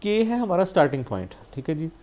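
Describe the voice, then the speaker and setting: A man's voice: on the high side, sing-song, quick pace, darkish tone. A man with a Pakistani Urdu accent giving a recorded math lecture, explaining step by step, checking in often with his listeners and mixing English math terms into his speech. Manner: explains step by step, frequent "theek hai ji" checks.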